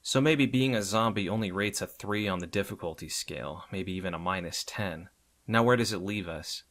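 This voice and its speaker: A man's voice: sits low, moderate pace, a bit bright. A man doing Robin, a cocky young sidekick. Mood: defiant. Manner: defiant, wisecracking. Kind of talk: audiobook character voice.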